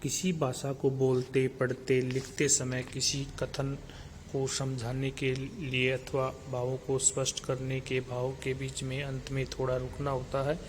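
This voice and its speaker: A man's voice: medium pitch, completely flat delivery, unhurried, slight background noise. A man teaching a grammar lesson for exam preparation, listing terms steadily and repeating key words.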